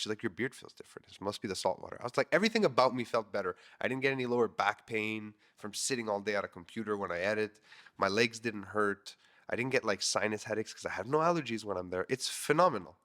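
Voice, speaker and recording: On his podcast, a thirty-something man talks openly and meanderingly, cursing as he goes. His voice is nasal and congested, sitting on the low side with a fairly bright tone.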